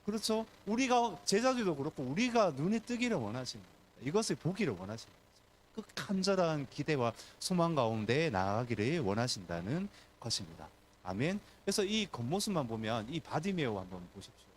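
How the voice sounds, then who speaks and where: Male pastor, sermon, slightly high voice, animated delivery. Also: fairly quick, slight background noise. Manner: animated preaching, acts out crowd and beggar voices. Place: church service.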